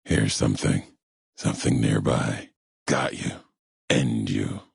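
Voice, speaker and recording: Ulysses, gravel-deep brooding wanderer. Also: male voice, dry recording, studio quality, full character voice. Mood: menacing, terse. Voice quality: gravelly, husky bass. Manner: solemn, measured, clipped cryptic phrasing. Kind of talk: video game character dialogue, solemn monologue.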